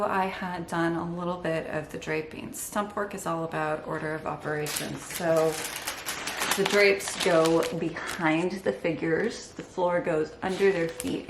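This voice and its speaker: A woman with a fairly low pitch runs her embroidery channel, chatting through her stitches with enthusiasm and wry asides in a casual show-and-tell. Holding a heavy piece has left her out of breath. She's in an echoey indoor room with windows, and background noise is present.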